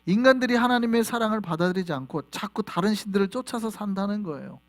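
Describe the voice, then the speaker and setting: A male pastor preaching a sermon in a church, animated and quizzing the congregation with questions. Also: sits high, fast talker. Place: church sanctuary.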